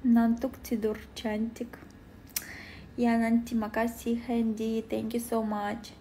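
A sleepy woman, chatting at a slow, unhurried pace on a phone livestream. Her voice sits a little high. She halts often with drawn-out fillers as she searches for words, sounding worn out. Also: monotone, mellow, slight background noise. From Belarus. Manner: halting, searching for words, many pauses with "eh". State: tired and sleepy. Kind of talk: casual livestream chat answering comments.

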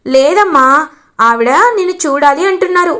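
A woman's voice: sits high, expressive, normal speed, fairly bright tone. A woman voicing a cheeky young boy who answers bluntly. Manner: blunt, matter-of-fact replies.

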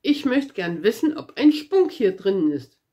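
A woman's voice: mid-range voice, big pitch swings, moderate pace, dark tone, close to an everyday voice. A woman voicing a cheeky, boastful little red-haired girl in a read-aloud storybook, chatty and eager.

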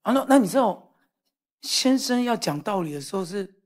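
A middle-aged male pastor, preaching to a congregation in a lively storytelling sermon that swings between loud and soft. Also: sits high, normal speed. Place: church hall, in front of a congregation.

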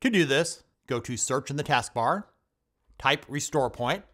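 A man hosting a computer help tutorial, reading scripted step-by-step instructions in a steady voice-over. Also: medium pitch, unhurried. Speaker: tech tutorial host. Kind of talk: scripted screen-recording voice-over.

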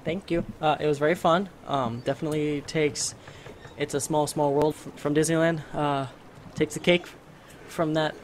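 A man's voice: fairly high pitch, fairly even intonation, normal speed, a little hiss or hum. A man hosting a let's-play video, reacting bluntly with swearing and jokes, then signing off casually. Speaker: gaming channel host.

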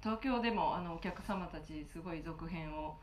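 A woman hosting a stage greeting at a cinema. She asks measured, polite questions into a handheld mic. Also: low voice, a crowd in the background. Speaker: event host. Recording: roomy hall with clear noise.

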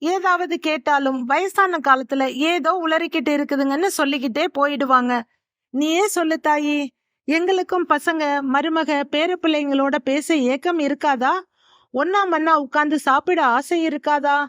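A woman's voice: high voice, normal speed, fairly bright tone, no room sound, clean studio sound. A woman voicing an elderly husband, grieving and protective, who speaks in heavy, aggrieved pleading.

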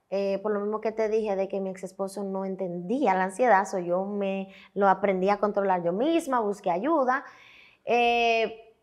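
A young woman with a Dominican Spanish accent, a guest telling her story in a candid, emphatic, animated way. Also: mid-range voice. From Dominican Republic. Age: young adult. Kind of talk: candid interview talk.

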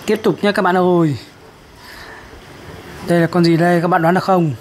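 A man's voice: sits high, fairly even intonation, normal speed, slight background noise. A man narrating a toy video for young children, talking in simple, repetitive, encouraging phrases as if to a toddler.

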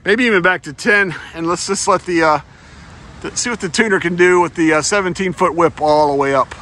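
Radio static hisses in the background as an amateur radio vlogger, an American man aged around 50 to 60-something, talks casually from inside a car while operating his ham set. He speaks a little fast in a high, sharp-toned voice.

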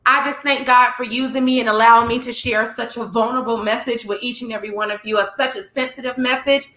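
A woman's voice: fairly high pitch, fairly even intonation, fast, pushed and bright. A woman hosting a live devotional stream, preaching with fervent, repetitive exhortation in a casual, colloquial way. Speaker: host of a faith livestream. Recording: roomy echo.

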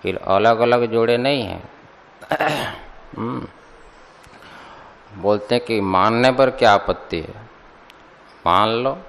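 A man teaching a Sanskrit scripture class, explaining slowly and deliberately and putting questions to his students. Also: mid-range voice, gravelly, a bit bright. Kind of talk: classroom commentary lecture. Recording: long hall reverb.

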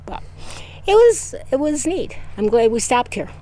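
A woman's voice: sits high, big pitch swings, measured pace, warm tone. Chatty woman talking to a handheld camera. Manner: chatty, thinks aloud with fillers. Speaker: vlog co-host. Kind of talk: casual travel vlog chat. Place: outdoors in a parking lot. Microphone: camera at arm's length.

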